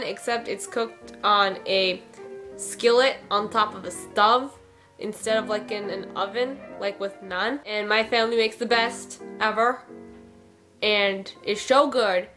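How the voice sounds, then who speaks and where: A woman's voice: mid-range voice, fairly bright tone, rough recording. A young woman vlogging casually, answering viewer questions in a chatty, digressive way with lots of ums and likes. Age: young adult. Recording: old jazz music playing under the voice.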